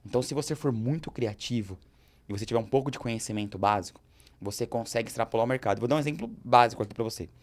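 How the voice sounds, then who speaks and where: A man's voice: medium pitch, very fast. A Brazilian man hosting a talk show, speaking energetically about entrepreneurship and acting out little scenes as he goes. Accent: Brazilian Portuguese. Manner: energetic, gesturing, acts out quoted dialogue. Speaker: host.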